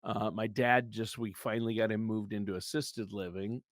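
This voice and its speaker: A man's voice: on the low side, steady tone, normal speed, no echo, clean studio sound. Chatty, joking middle-aged male podcast co-host. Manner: chatty, joking, laughs often. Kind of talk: casual podcast chat.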